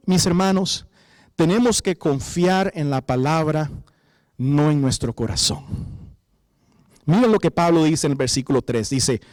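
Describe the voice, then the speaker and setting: A man preaching a sermon as pastor, animated, acting out quoted voices and rising to shouts for emphasis. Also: fairly high pitch, dry recording, studio quality.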